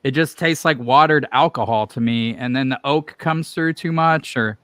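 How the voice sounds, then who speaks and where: A man's voice: mid-range voice, moderate pace, a bit bright, no echo. A man giving blunt, plainspoken opinions in a casual livestream chat. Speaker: livestream panelist tasting bourbon.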